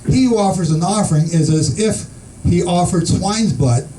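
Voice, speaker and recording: A man with a high, mellow voice teaches a small group an informal Bible study in a room in the Philippines, reading scripture and questioning those listening. He talks at normal speed; the low-quality recording uses a distant mic and has slight background noise.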